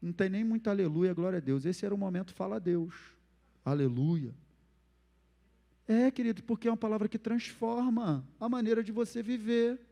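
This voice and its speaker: A man with a Brazilian Portuguese accent preaching a sermon as pastor, animated and acting out the phrases he quotes. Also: high-pitched, fairly quick, creaky, big-room sound.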